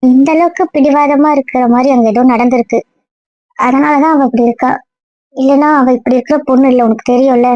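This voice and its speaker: A woman's voice: high voice, fairly even intonation, a little fast, darkish tone, dry recording, muffled recording, natural voice. A woman playing an exasperated, scolding young woman. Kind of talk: amateur audio drama.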